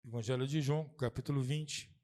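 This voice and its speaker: A pastor preaching a lively sermon, acting out little dialogues as he goes. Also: mid-range voice, a little fast. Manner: animated preaching with acted-out quotes. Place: church sanctuary. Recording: long church reverb.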